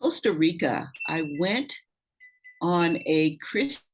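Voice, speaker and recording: Woman, low, very slow, heartfelt. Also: very animated, a little hiss or hum, rough recording. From California. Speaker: participant. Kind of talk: casual group chat. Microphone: video call.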